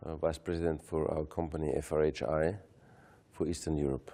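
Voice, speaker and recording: Very deep-voiced man from Austria. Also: little pitch movement, brisk, dark tone. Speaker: hotel manager.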